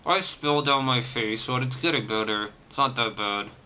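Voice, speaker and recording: Male vlogger, casual and halting, sore jaw with clenched articulation, mid-pitched, muffled noisy home-video sound. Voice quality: restricted, tight-jawed articulation from a banded, sore jaw after surgery. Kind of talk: casual first-person recovery vlog. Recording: muffled, lo-fi camera audio with clear background noise.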